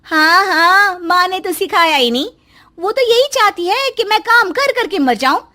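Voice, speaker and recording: A woman voicing a sharp-tongued young daughter-in-law in a cartoon story, scolding and impatient. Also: very high-pitched, expressive, normal speed, pitched above the performer's own voice, heavily acted.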